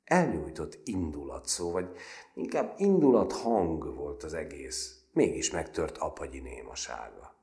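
A male narrator reading a novel aloud, with an extremely deep, low voice. His delivery is measured yet expressive, with a lively melodic line that rises and falls through the sentences. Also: gravelly.

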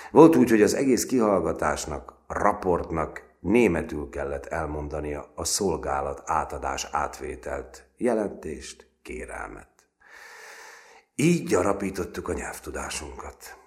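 Man, audiobook narration, extremely deep voice, lively varied pitch, expressive reading. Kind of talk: scripted narration.

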